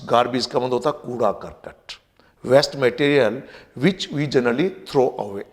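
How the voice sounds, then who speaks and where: A man teaching vocabulary in a lesson, explaining patiently, spelling words out letter by letter and repeating pronunciations. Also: mid-range voice. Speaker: vocabulary teacher for competitive exams. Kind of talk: Hindi-English mixed vocabulary lesson. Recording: long reverb.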